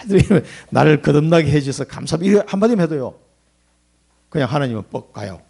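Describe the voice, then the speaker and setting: A man's voice: on the high side, expressive, fast talker, gravelly, mellow, breathy edge. A middle-aged male pastor giving a conversational sermon, telling stories with chuckling asides.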